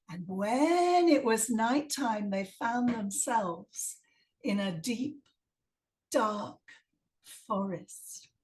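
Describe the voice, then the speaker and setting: A woman storyteller telling a children's tale, animated and sing-song, chanting refrains and dropping to whispers. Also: a little high. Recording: roomy, from a distance.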